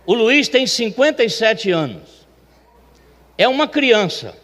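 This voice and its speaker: High-voiced man telling a story from the pulpit. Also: takes it slowly. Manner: chatty, animated, acts out the voices of the people in his story. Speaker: church elder telling a testimony. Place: church sanctuary. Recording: long reverb of a church hall.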